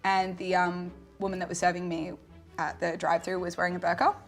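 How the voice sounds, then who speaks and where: A woman's voice: fairly low pitch, little pitch movement, fairly quick. Woman telling a dad joke over music. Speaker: contestant in a dad joke contest. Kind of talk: telling dad jokes in casual chat. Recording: music playing behind the voice.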